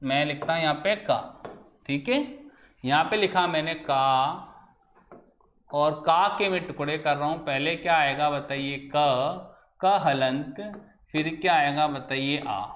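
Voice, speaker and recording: A man's voice: a little high, slow pace, a bit bright, a little hiss or hum. A man teaching a grammar lesson to a class. He keeps asking questions and then answering them himself. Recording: echoey room.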